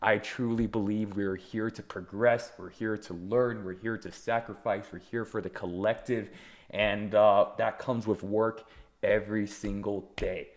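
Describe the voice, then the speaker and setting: A young man hosts a solo motivational podcast, talking energetically with a fairly low voice. He leans hard on emphasis and slips in self-deprecating asides as he goes. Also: fairly even intonation, a little slow. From Taiwan. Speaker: podcast host.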